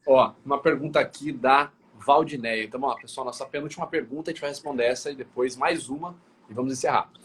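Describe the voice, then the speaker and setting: A man from Brazil hosts a live stream and gives advice in a calm, explanatory way at a mid-range pitch. A faint background hiss runs under his voice. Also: quick pace, few pauses. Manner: calm, explanatory, gives tips and reads viewer questions. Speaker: host and communication coach.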